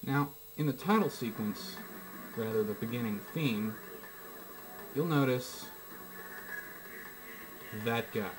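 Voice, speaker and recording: Man's halting casual gameplay commentary over music. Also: mid-range voice, low-quality recording. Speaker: game reviewer and commentator.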